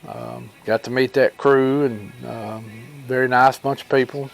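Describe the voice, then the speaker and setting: A storyteller who hosts a homesteading channel, this man speaks with a rural Alabama accent in a medium-pitched, steady voice with some vocal fry. His fireside-style personal stories are informal, folksy and rambling, full of pauses and retellings of who said what.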